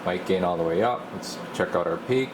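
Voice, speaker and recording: A brisk, low-voiced man, recorded against noise, works through a repair for his viewers. He's a radio repair technician and video host, and the casual how-to demo drifts along informally.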